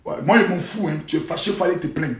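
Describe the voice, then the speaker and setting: Guy ranting live on his phone, highish voice, preachy loud bursts then mutters, roomy echo. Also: quick pace. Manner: preachy, scolding rants with loud outbursts and sudden quiet asides. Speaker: livestream host. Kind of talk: live social-media monologue.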